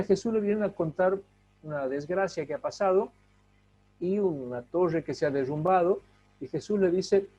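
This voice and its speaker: A man teaching a Bible lesson, emphatic, with rhetorical questions and drawn-out stressed words. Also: high voice, warm tone, husky, poor audio. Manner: asks the class to help read.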